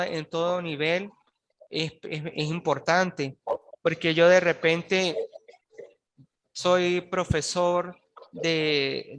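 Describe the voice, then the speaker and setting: On a video call with a little hiss or hum, a male lecturer with a fairly bright, high-leaning voice teaches an online postgraduate class. His delivery is hesitant, with restarted words and frequent "¿sí?" check-ins.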